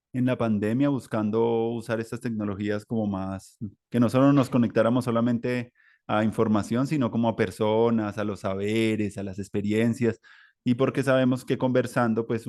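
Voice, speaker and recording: Leading a conversational interview on his podcast, this man rambles, restarting sentences and leaning on fillers. His voice is mid-range with a somewhat dark tone.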